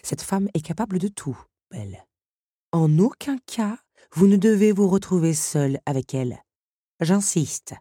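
A woman's voice: on the low side, animated, unhurried, mellow, slightly rough, no echo, studio quality. A woman voicing a haughty, elegant countess who speaks in a lofty, theatrical way. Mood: grand. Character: haughty elegant older countess, grand and gushing.

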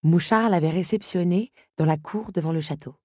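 A woman narrator reading a storybook aloud in a measured, expressive way. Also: fairly low pitch, breathy edge, no room sound, studio quality.

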